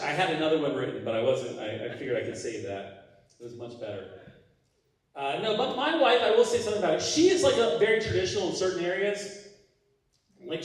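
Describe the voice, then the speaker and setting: A man doing a stand-up comedy set on a theater stage, with a halting, deadpan delivery full of fillers. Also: fairly high pitch. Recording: roomy hall sound from a distance. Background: audience laughing.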